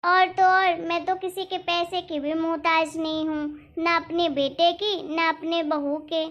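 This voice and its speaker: A kind, hardworking mother-in-law from a cartoon, voiced by a woman, talking in a gentle, patient, pleading way. The voice sits very high. The recording sounds dull and lo-fi. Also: flat delivery, measured pace. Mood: firm. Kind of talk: cartoon voice acting.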